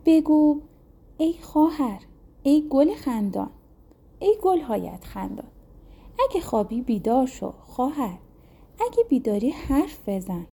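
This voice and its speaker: A woman voicing a calm magical sea-maiden wife. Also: high voice, creaky, long pauses, husky, heavily acted. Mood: reassuring. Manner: soothing, chant-like incantation.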